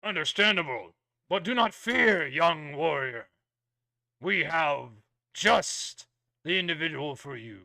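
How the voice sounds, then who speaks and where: Man playing a booming, stern royal warrior king. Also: expressive, slow, gravelly, sharp tone, no room sound, heavily acted. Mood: solemn, regal. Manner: grand, proclaiming, regal. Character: stern, royal, booming knightly monster ruler.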